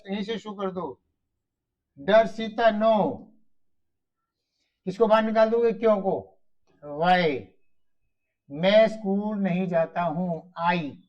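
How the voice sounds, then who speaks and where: A man teaching grammar in a Hindi-mix, explaining slowly and repetitively, asking and answering his own questions. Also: high voice, fairly even intonation. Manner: mixes Hindi and English. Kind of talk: classroom-style grammar lesson. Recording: dull lo-fi recording.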